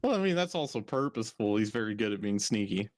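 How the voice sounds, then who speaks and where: A man's voice: on the low side, sing-song, fast, dry recording. A man playing in a tabletop game, talking in a chatty, explaining way and swearing casually. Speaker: player. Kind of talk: casual tabletop role-play.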